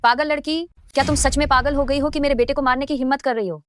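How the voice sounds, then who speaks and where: A woman's voice: sits high, fairly even intonation, fast talker, fairly bright tone, a little hiss or hum. A woman voicing a scheming middle-aged mother who mocks and threatens a young woman. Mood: scornful. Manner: mocking and scornful. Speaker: dubbing actor. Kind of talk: Hindi dub of a short drama.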